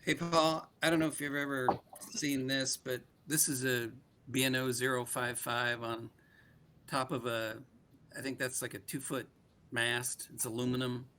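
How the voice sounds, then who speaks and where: A man's voice: medium pitch, level tone, normal speed, sharp tone, slight background noise. A man on a video call with clipping, distorted mic audio, casually showing his robot project and talking with many ums and restarts. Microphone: computer mic on a video call.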